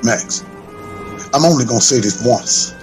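A resolute male lawyer , acted by a man speaks firmly and formally in an audio drama. His mid-pitched voice is deliberate and stern, with music clearly behind it. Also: natural voice. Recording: music under studio dialogue.

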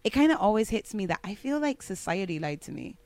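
A Barbadian woman talks as a guest on a casual podcast, laying out her thoughts at length and breaking into laughter when the talk turns lively. Her voice sits at a middle pitch and comes through dry and close, with no room sound. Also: fast talker, dry recording. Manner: animated, laughing, explaining at length.

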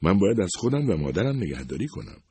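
A man's voice: sits low, very animated, dark tone, breathy edge, no room sound, voice pushed up, heavily acted. A man voicing a humble, worried secretary in her fifties who talks hesitantly and apologetically. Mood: apologetic. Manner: hesitant, modest, self-excusing.

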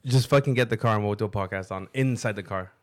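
A man's voice: fairly low pitch, quick pace. A young man bantering on a casual podcast like a frat bro, slangy, profane and emphatic, often repeating himself. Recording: clear background noise, clicks.

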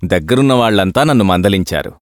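A man reads a first-person tale aloud, his voice rising and falling with animation. The recording is dry with no room sound. His delivery is expressive and steady. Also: low voice, quick pace, dry recording. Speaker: narrator. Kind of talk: storybook reading.

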